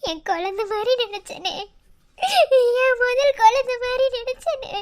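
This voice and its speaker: A woman's voice: very high voice, unhurried, fairly bright tone. A woman voicing a heartbroken young wife in a cartoon, pleading through tears in a Madurai Tamil accent. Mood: tearful, hurt. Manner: tearful, pleading. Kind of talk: cartoon voice acting.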